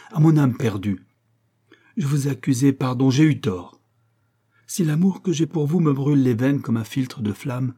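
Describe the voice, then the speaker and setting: A man's voice: medium pitch, warm tone, husky, close to an everyday voice. A man reading an audiobook, voicing a tormented young man who confesses in a pleading way.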